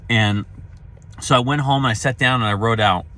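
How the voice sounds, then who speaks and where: A middle-aged man speaking as a career trainer, telling a personal story casually and acting out the dialogue in it. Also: normal speed. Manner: animated storyteller, acts out quoted dialogue with pitch jumps.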